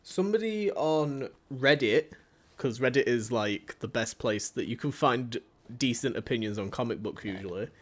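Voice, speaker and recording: A man's voice: mid-range voice, animated, normal speed. A young man with a Yorkshire accent hosting a casual podcast chat, talking loosely and filling his sentences with "like". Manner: loose and chatty, heavy use of "like". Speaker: podcast host.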